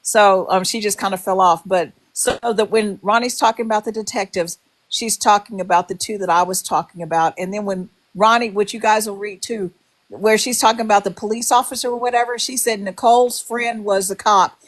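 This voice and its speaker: A woman's voice: medium pitch, fairly even intonation, brisk. A woman in her sixties in casual livestream chat, talking in a direct, advising way. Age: 60s.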